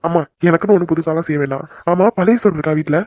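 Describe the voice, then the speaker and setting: A voice actor playing a gentle young son back home in a cartoon, reassuring his mother and sister. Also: medium pitch, very fast, no room sound, muffled recording, close to an everyday voice. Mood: warm. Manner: soothing, reassuring. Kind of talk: cartoon voice acting.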